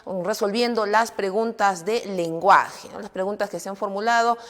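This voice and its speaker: A woman's voice: mid-range voice, normal speed. A woman hosting a live broadcast and formally introducing teacher guests. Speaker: presenter. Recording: long hall reverb.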